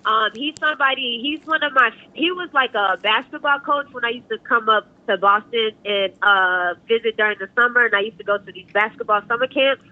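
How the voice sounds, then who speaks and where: A woman's voice: fairly high pitch, fairly quick, hardly any pauses. A woman in her twenties, a DJ, telling her story in a laid-back, slangy way and laughing often. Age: 20s. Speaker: DJ guest. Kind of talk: casual interview chat. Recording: tinny phone-like line, dry.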